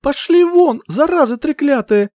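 A man reading an audiobook, voicing a blunt, hot-tempered young woman who shouts her lines in a shrill voice. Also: wildly swooping pitch, unhurried, dry recording, studio quality. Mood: furious shouting.

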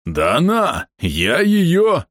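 A man's voice: fairly high pitch, wildly swooping pitch, extremely slow, no echo, studio quality, pitched above the performer's own voice, exaggerated voice. A man voicing a big, blunt male half-orc warrior in an audiobook who grumbles and barks his lines. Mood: gruff.

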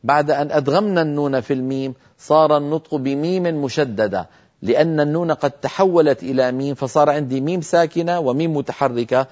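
A man teaching recitation in a televised lesson, calmly explaining each rule and then demonstrating it slowly, with long, drawn-out nasal sounds. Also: fairly high pitch. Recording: muffled broadcast audio.

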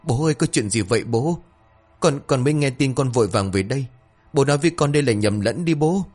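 A man's voice: medium pitch, lively intonation, a little fast, a little mellow, breathy edge, faint music behind, voice pushed up. A man voicing a panicked young woman pleading with her father. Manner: frantic, pleading.

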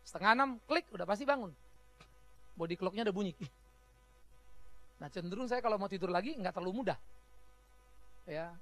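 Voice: mid-range voice, expressive, brisk, long pauses, a bit bright. A pastor preaching a sermon in a chatty, humorous way, often laughing while talking. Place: church.

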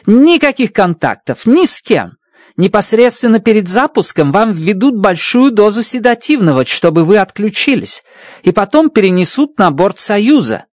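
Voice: medium pitch, no room sound, clean studio sound, pitched above the performer's own voice, natural voice. A reader voicing a stern, domineering woman mission chief who barks orders in an audiobook. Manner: shouting, harsh and domineering. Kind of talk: audiobook character voice.

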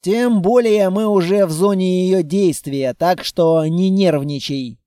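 A man's voice: sits high, slow, mellow, dry recording, studio quality. A man voicing a curt, cold male squad leader in an audiobook, speaking in a clipped, brusque way.

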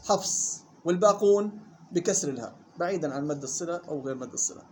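A man teaching Quran recitation rules to students in a room. He reads the rule text slowly and then explains it in quick colloquial talk. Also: fairly high pitch, lively intonation, darkish tone, a little hiss or hum. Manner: drills syllables slowly and questions students. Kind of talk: classroom lesson explaining a text.

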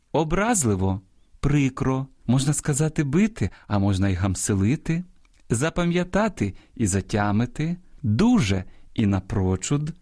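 A man hosting a radio language program, reading a scripted lesson in a measured, teacherly way and speaking straight to his listeners. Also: mid-range voice, a little mellow, dry recording, studio quality. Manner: measured, didactic, addresses listeners directly.

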